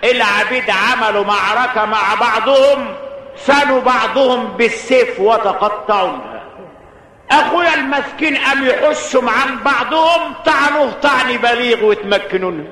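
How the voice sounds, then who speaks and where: A man's voice: extremely high pitch, animated, normal speed, sharp tone, echoey room, long reverb tail, recorded from a distance, poor audio. A man with an Egyptian accent reciting a folk epic in a rhythmic, rhymed storytelling manner. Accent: Egyptian Arabic.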